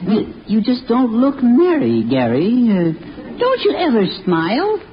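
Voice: medium pitch, wildly swooping pitch, unhurried. An actor playing a bossy, sarcastic, cocky boy in an old radio comedy sketch. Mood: cocky, needling. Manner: sarcastic, needling, insistent. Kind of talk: 1940s radio comedy acting. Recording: dull old radio broadcast, noisy audience.

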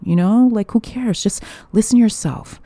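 A woman's voice: medium pitch, moderate pace, dark tone, dry recording. A young woman hosting a podcast alone, talking candidly and chattily, swearing freely and laughing often. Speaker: podcast host. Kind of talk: casual solo podcast monologue.

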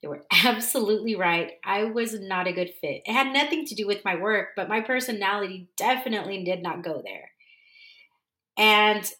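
A podcast host from San Diego, California, talks solo in a casual, rambling, earnest way, often correcting herself. Her mid-range voice is pushed and bright at a normal speed, and the room sounds echoey.

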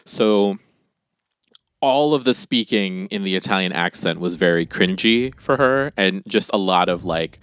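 A man's voice: low-pitched, animated, a little slow, fairly bright tone, clear, resonant tone, dry recording, studio quality. A man co-hosting a casual chat, a chatty storyteller who laughs and swears freely.

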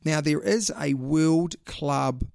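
A man's voice: on the high side, slow pace, vocal fry, a little mellow, dry recording, clean studio sound. A man with a New Zealand accent hosting a casual sports podcast, chatting in a slangy, teasing way. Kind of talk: casual chat.

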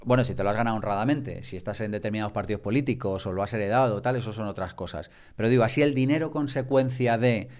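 A man's voice: lowish voice, quick pace, few pauses, a little mellow. Reflective man explaining ideas. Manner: reflective, emphatic, conversational. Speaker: podcast guest, author. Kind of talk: reflective podcast talk.

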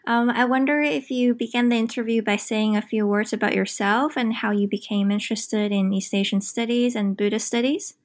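Female podcast host, polite and measured, scholarly interview. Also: fairly high pitch, fairly even intonation. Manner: polite, measured, some ums. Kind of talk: interview hosting.

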